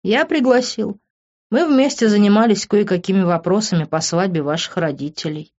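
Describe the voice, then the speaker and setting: A man's voice: high voice, normal speed, a little mellow, dull audio, pitched above the performer's own voice, natural voice. A reader voicing a sarcastic, teasing young man who mocks his friend in an audiobook. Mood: calm. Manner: teasing, ironic.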